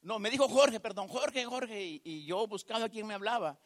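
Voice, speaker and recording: Preacher guy telling his own story, pretty high voice, chatty. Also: lively intonation, brisk. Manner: storytelling, conversational. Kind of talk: sermon testimony.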